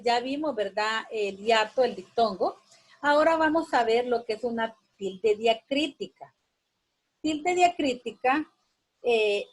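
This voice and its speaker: Slow, husky woman teaching a class. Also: sits high. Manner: slow, explanatory, repeats words and asks "¿verdad?". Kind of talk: classroom grammar lesson.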